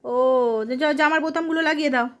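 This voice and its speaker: A young woman, a mother chatting casually with her small child and coaxing him along with many gentle questions. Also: high-pitched, steady tone, fast talker.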